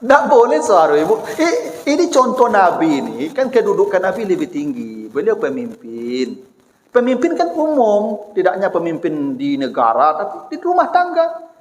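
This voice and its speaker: A man with a Minangkabau accent giving a sermon in a lively, teasing manner, acting out everyday exchanges. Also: high voice, moderate pace, slight background noise. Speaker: preacher. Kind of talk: lecture-style sermon. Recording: echoey hall with long reverb.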